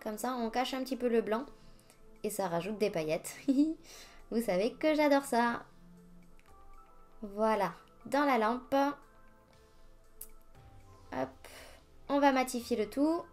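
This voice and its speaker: A woman's voice: a little high, slow pace, long pauses. A woman talking through a nail art tutorial step by step, chatty and ready to laugh at her own slips. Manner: chatty, self-mocking, narrates each step. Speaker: nail artist. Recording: faint music behind the voice. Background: faint music.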